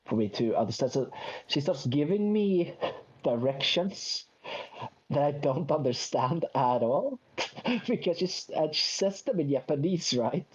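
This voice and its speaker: A man's voice: fairly high pitch, very animated, a little slow, breathy edge, dull audio. A man from Sweden, telling a long anecdote in a casual chat, with self-mocking asides and quoted voices.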